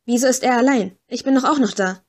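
A woman reading an audiobook, voicing a spirited young woman who talks insistent and loud. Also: a little high, fast talker, lightly acted. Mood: indignant. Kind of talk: audiobook character voice.

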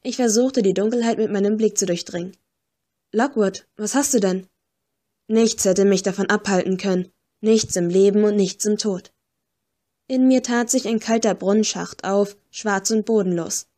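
A woman reading a first-person story aloud with steady, expressive storytelling. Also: medium pitch, moderate pace. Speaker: audiobook narrator. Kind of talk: scripted first-person narration.

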